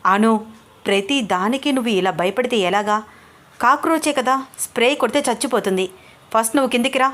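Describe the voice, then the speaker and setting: A woman voicing a brisk, commanding young man. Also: a little high, a bit bright, natural voice. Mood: firm. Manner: firm, commanding.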